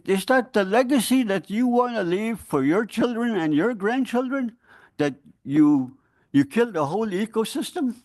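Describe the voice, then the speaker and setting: A high-pitched man in his sixties from Alaska's Middle Yukon gives earnest public testimony. He halts and restarts, and his tone grows urgent and pleading.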